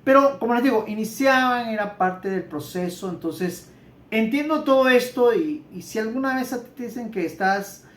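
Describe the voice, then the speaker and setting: A man's voice: sits high, animated, moderate pace, a bit bright. A man with a Central American Spanish accent, teaching the Bible in an earnest, conversational way and often repeating words. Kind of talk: Bible teaching sermon with personal testimony. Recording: roomy echo.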